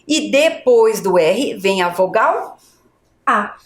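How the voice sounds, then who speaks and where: A Brazilian woman teaching a video lesson to young children, with slow, clear, exaggerated pronunciation. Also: mid-range voice, animated. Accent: Brazilian Portuguese. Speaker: primary school teacher. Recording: echoey room.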